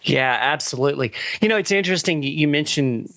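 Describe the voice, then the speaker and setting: A man's voice: fairly high pitch, lively intonation, brisk, gravelly, a bit bright, no room sound. A man with a Kentucky Appalachian accent, hosting a casual interview. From Kentucky, United States. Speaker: show host, interviewer.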